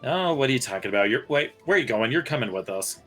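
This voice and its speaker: A man's voice: medium pitch, expressive, fast talker, fairly bright tone. A man playing a tabletop role-playing game, talking casually and bluntly in and out of character. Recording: music under the voice.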